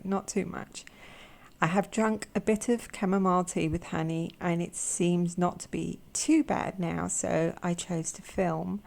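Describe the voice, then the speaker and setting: A young woman, a watercolour artist, hosts a casual art vlog swatching paints, her voice croaky from a sore throat. She speaks very slowly and softly with a fairly low, mellow, darker tone, often sinking into a whisper. She is gentle and unhurried but hesitant, with frequent fillers and small pauses.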